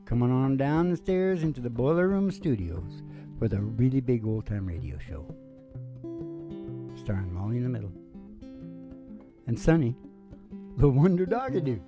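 In a small, dim, curtained stage room, a middle-aged music and comedy show host speaks into a stand microphone over acoustic guitar. His medium-pitched voice is animated with a dark tone, and his unhurried, rambling patter is playful and full of joking asides.

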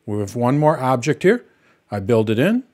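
Working on screen, a middle-aged tutorial host explains every step of the software in a plain, patient manner. He speaks at a normal pace with a medium pitch and a sing-song lilt.

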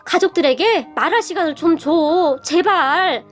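A woman's voice: very high-pitched, unhurried, soft background music. A woman voicing a frightened middle-aged mother who speaks with strained, weary pleading in a storybook reading.

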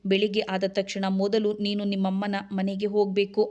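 A woman's voice: mid-range voice, monotone, brisk, darkish tone, highs cut off, natural voice. Woman reading as a scornful angry husband. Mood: angry scolding. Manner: harsh, scolding.

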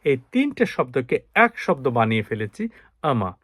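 A man teaching spoken English, explaining step by step and modelling English phrases slowly with clear stress. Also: medium pitch, sing-song, no echo, studio quality.

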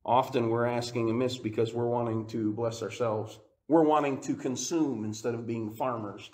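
A male pastor preaching a sermon, who laughs often and moves from quiet, low stretches up to rising, emphatic climaxes. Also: steady tone, moderate pace.

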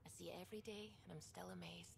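A woman's voice: fairly low pitch, steady tone, rapid-fire, creaky. An actress voicing an enthusiastic woman scientist on a starship crew in a video game.

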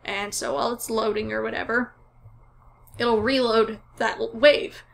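A woman's voice: fairly high pitch, fairly even intonation, measured pace, creaky, slight background noise. A woman co-hosting a casual podcast, telling a rambling story with frequent laughs and restarts. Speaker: podcast co-host. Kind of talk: casual chat.

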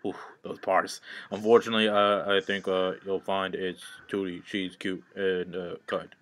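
A man's voice: low-pitched, little pitch movement, moderate pace, a bit bright, slight background noise. A young man hosting a casual let's play, full of slang, fillers and laughs. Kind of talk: casual gaming commentary.

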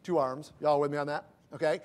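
Folksy high-voiced preacher. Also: male voice, steady tone, darkish tone, smooth. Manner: folksy storytelling, slows down to read scripture. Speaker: pastor. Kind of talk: casual preaching sermon. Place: church sanctuary.

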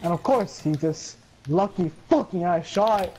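A man's voice: high voice, a little slow, a little mellow, slight background noise. A man playing a shooter game with a friend, frustrated and swearing often. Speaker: gamer. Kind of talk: casual game chat.

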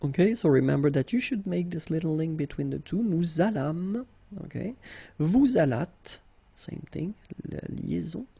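A man's voice: on the high side, expressive, fairly quick, gravelly, mellow, slightly rough, dry recording. A man with a French accent teaching a language lesson, patiently drilling each verb form aloud. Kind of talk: slow, repetitive language lesson.

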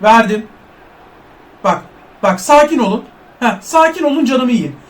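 High-voiced excitable gamer man. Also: a little slow. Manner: loud, excitable, trash-talks and curses at teammates; jokes as an overweight footballer in first person. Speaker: gaming YouTuber. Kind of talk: excited live gameplay commentary.

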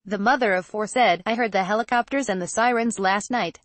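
A woman reading a news article aloud as scripted narration, in an even, flat delivery. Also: medium pitch, fairly quick, no echo. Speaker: news reader.

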